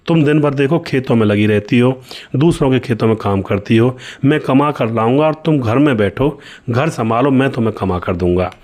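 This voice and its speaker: A man's voice: medium pitch, normal speed, darkish tone, lightly acted. A man voicing an earnest, devoted young son from a village, speaking in a reassuring way while telling a story.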